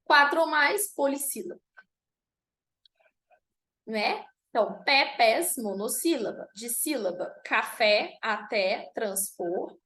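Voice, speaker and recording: Her voice sits on the high side and sounds expressive, bright and forceful as she leads an online grammar class. She dictates the rules slowly and reads each example word deliberately, one by one.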